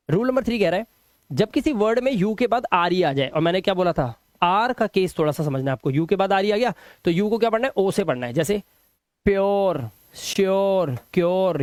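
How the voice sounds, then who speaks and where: A man with a fairly high voice and a Hindi accent teaches English pronunciation rules. He repeats example words slowly and keeps reassuring his students. The sound is close and dry. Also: no room sound. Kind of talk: classroom lesson explaining rules.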